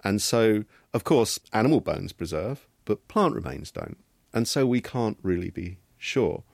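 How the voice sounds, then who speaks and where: Measured male professor explaining. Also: on the low side, lively intonation, gravelly, no echo, clean studio sound. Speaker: professor of evolutionary genetics. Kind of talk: interview answers.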